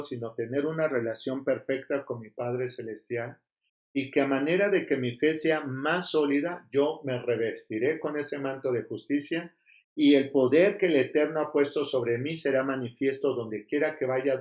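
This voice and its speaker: A man's voice: fairly high pitch, darkish tone, echoey room. A man preaching a sermon as pastor, emphatic and full of rhetorical questions.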